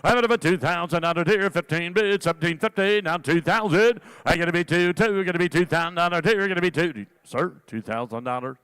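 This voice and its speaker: High-pitched male auctioneer in rapid chant. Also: a bit bright, clean tone. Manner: repetitive, rolling filler phrases between numbers.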